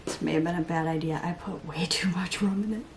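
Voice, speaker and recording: This beauty vlogger, a woman in her thirties, chats quickly in a lowish, fairly even voice as she does her makeup at home. It's a rambling get-ready-with-me session where she talks to herself, with a little noise in the background.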